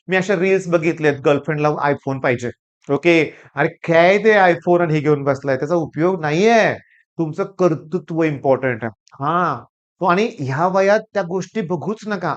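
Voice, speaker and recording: A middle-aged man, a counsellor and tutor, giving a blunt and emphatic lecture-style talk to students and parents. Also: fairly high pitch. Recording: dull lo-fi sound.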